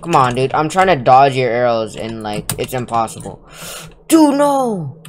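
A woman with an unusually deep, low voice gives casual, excitable commentary while gaming with a friend. She peppers her talk with "dude" and "like" and laughs often. Faint keyboard typing sits behind her. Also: moderate pace, a little hiss or hum. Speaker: gamer playing with a friend.

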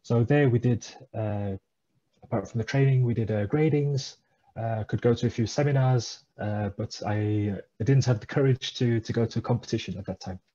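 An English man joins a video call as a guest, speaking over a headset from a small room at home. His mid-range, mellow voice comes at a moderate pace through a muffled recording, and he sounds hesitant and thoughtful, with many "uh" fillers.

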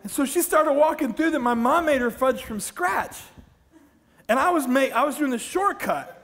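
Middle-aged male pastor, high voice, lively sermon storyteller on a headset mic. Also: moderate pace. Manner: storytelling, animated, jokes with the congregation. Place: large church stage.

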